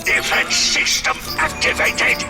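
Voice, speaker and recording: A man's voice: on the high side, completely flat delivery, takes it slowly. An actor voicing a malfunctioning male robot dog general in a video game, barking clipped robotic status reports and attack calls in a rusty, mechanical manner. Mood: commanding. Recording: echoey, distant, under loud game music.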